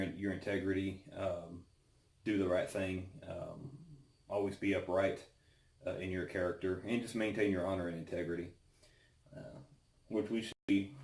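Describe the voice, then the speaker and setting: A man giving a casual devotional talk and Bible reading, halting and pausing often mid-sentence. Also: low-pitched, darkish tone. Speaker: devotional host. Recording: roomy, echoing sound.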